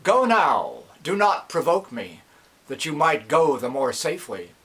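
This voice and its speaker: A male reciter takes on a proud, unyielding warrior king from an epic poem. He is stern and threatening, declaiming dactylic verse slowly in a slightly raised voice. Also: a little high, big pitch swings, fairly bright tone, slightly rough, full character voice. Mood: stern threat. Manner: stern, declamatory, metered delivery.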